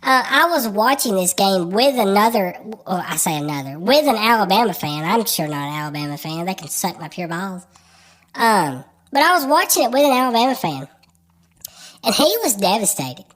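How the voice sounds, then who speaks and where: A woman's voice: mid-range voice, sing-song, moderate pace, a bit bright. A woman hosting a sports podcast. Her voice is congested from a cold, and she talks in a crude, rambling way with lots of ums. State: congested, stuffed-up voice. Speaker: podcast host. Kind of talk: casual sports podcast chat.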